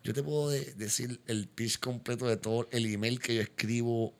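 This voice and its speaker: A man's voice: mid-range voice, steady tone, moderate pace, vocal fry. A man with a Puerto Rican accent in loose, joking podcast chat, boisterous and swearing freely.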